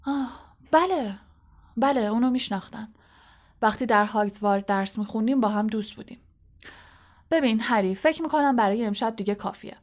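A woman voicing a gentle, uneasy teacher. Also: on the high side, lightly acted.

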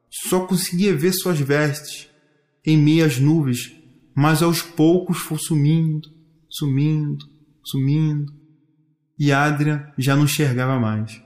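A man narrating a storybook slowly and deliberately, drawing out repeated words. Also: fairly high pitch, steady tone. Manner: slow, deliberate storytelling with repetitions. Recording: echoey room.

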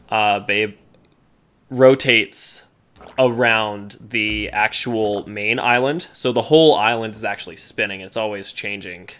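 Casting: male game master, lowish crisp voice, halting descriptive improvised narration. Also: a bit bright.

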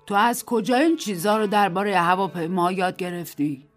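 A woman's voice: medium pitch, expressive, soft background music, lightly acted. A woman voicing a stubborn, commanding village grandmother in her seventies who scolds sharply. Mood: amazed. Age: 70s. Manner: sharp, scolding, emphatic outbursts.

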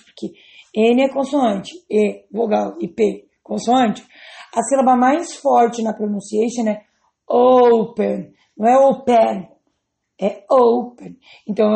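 A woman's voice: a little high, gravelly, dark tone. A woman teaching English grammar to students, patiently spelling out letters and checking they follow. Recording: roomy echo.

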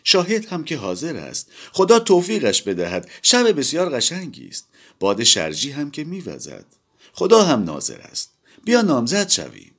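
A man's voice: a little high, huge pitch swings, husky, pitched above the performer's own voice, exaggerated voice. A man voicing an aging lovesick woman who pleads in a trembling voice in a storybook reading. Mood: tremulous pleading. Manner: pleading, tremulous.

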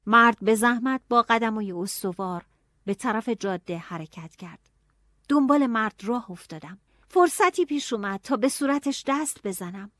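Female audiobook narrator, expressive, higher pitch, dry close sound. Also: dry recording. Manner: expressive, shifting to hushed whispers and anxious cries.

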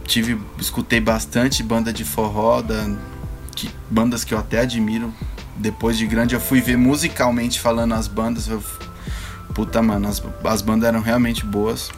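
A man's voice: on the low side, little pitch movement, moderate pace, music in the background. A man with a Brazilian Portuguese accent chatting casually and informally, using plenty of slang. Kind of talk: casual chat.

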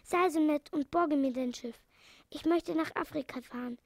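A gentle, kindly old animal doctor from a children's storybook, speaking in a soothing tone, as a woman reads him aloud. The voice sits high and carries a gravelly edge, close and dry. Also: normal speed, no room sound.

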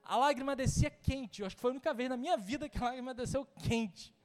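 A man's voice: extremely high pitch, quick pace, darkish tone, long reverb tail, faint music behind. A man with a Brazilian Portuguese accent preaching a sermon in a church, telling a personal story with humor and acting out the dialogue. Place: church hall.

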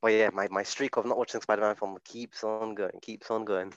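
A man's voice: fairly low pitch, flat delivery, a little fast, no echo, muffled recording. A man who is a podcast guest, chatting casually and teasing his host, swearing now and then, talking into a phone. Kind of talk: casual chat.

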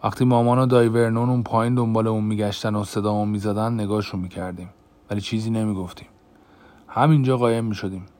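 A man voicing a brooding adult man who bluntly reveals a dark family secret, in a tense, raised voice, in an audiobook. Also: fairly low pitch, steady tone, no echo, lightly acted.

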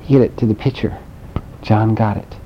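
Low-voiced man telling a playful story. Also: fairly even intonation, moderate pace. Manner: playful, with sound effects and questions to the listener. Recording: dull lo-fi home recording with faint rumble.

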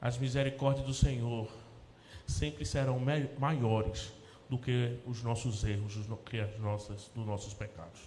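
A male pastor with a Brazilian Portuguese accent delivers a sermon, swinging between loud, emphatic peaks and soft, low asides. His voice rings through a large church hall with a long, roomy reverb. A faint hum of ambience sits underneath. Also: fairly even intonation, unhurried. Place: church sanctuary.

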